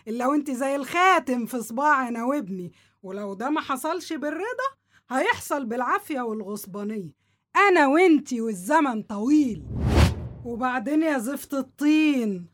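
Bossy middle-aged egyptian auntie, high voice, nags and schemes, dry close sound. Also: female voice, no room sound. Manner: nagging, scolding, colloquial. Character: scheming, greedy, domineering middle-aged aunt and mother. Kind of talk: dramatic dialogue.

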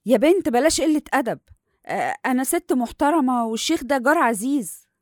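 A prim older Egyptian lady in a radio serial. She talks high and fast, guarding her dignity with huffy, indignant scolding. The voice is recorded dry. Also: expressive, no echo. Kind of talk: Egyptian radio comedy drama acting.

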